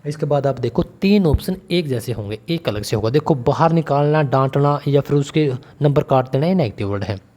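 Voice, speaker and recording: A man with a mid-range, slightly mellow voice speaks expressively at a normal pace. He's teaching an online exam-prep lesson in a relaxed, chatty way, often addressing the viewer as brother and asking them questions.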